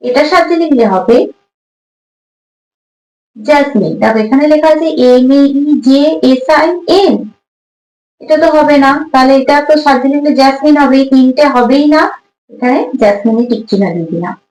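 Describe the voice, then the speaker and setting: High-voiced woman teacher explaining exam questions. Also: warm tone, echoey room, poor audio. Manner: reads English questions slowly, explains in quick Bengali.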